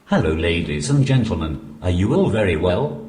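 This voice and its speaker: Male text-to-speech voice, deep, swinging intonation, deadpan stand-up, noisy room. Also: moderate pace. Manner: flat synthetic speech with deadpan jokes. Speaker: stand-up comedian. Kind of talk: stand-up routine through a text-to-speech communication aid. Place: comedy stage before a live audience. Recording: noisy live venue recording.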